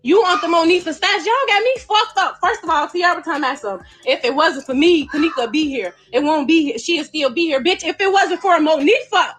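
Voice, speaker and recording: A young adult woman in a heated, profane social media rant, repeating herself and sometimes shouting. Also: extremely high pitch, brisk, hardly any pauses. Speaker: friend in a viral dispute.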